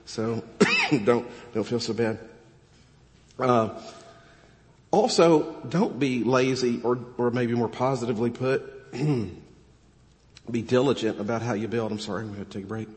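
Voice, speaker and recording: A middle-aged male pastor preaching a sermon with a hoarse, coughing voice, mixing joking asides with earnest exhortation. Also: mid-range voice, unhurried, pauses often, big-room sound. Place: church sanctuary.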